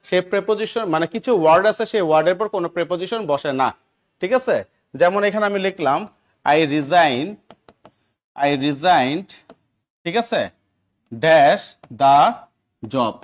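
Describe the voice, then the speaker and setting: A Bangladeshi man teaching English grammar in a lecture, constantly checking in with his students. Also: fairly high pitch. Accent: Bangladeshi Bengali. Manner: drills students with repeated check-ins. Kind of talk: classroom lecture.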